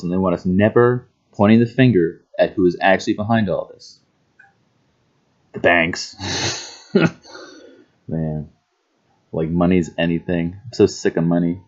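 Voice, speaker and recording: A man with a somewhat low voice rambles through a casual vlog monologue. He muses aloud and laughs between thoughts. The sound is muffled and lo-fi. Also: steady tone, normal speed, pauses often, darkish tone. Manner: rambling and musing, breaks into chuckles. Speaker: vlogger. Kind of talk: casual self-introduction monologue.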